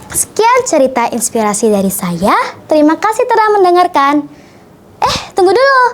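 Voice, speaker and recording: A young woman with a high-pitched voice recites a children's tale, telling it in an expressive, deliberate and theatrical style.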